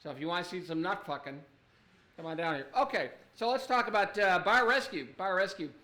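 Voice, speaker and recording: A man's voice: high-pitched, fairly quick, bright, forceful tone, roomy sound. A man doing a profane, sardonic stand-up rant, recorded in a studio. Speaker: stand-up comedian.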